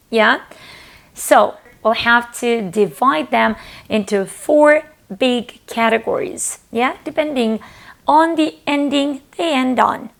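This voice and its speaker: Slow, clear female English teacher. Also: fairly high pitch. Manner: slow, clear, repeats words for learners. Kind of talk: online English lesson.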